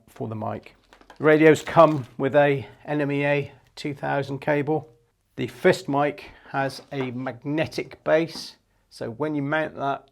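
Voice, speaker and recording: For a marine equipment shop, a man in his fifties runs an off-the-cuff product demonstration through a clip-on lapel mic. His voice is mid-range with vocal fry, and his explanations are plain and direct.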